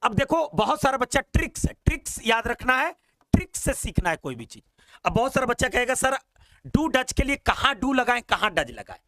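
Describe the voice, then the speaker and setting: A man teaching spoken English in Hindi, coaxing students warmly as "beta" and repeating English phrases slowly. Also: extremely high pitch, very animated, dry recording.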